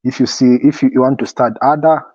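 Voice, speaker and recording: A young man in a casual interview, giving advice as a student guest in a halting way, often repeating his words. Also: mid-range voice, steady tone, darkish tone, husky. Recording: echoey, dull lo-fi sound.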